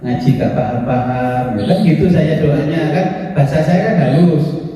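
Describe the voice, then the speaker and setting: A man's voice: on the high side, normal speed, mellow. A man teaching religion, joking between chanted prayers. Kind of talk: sermon lesson on a book. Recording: distant echoey hall, muffled.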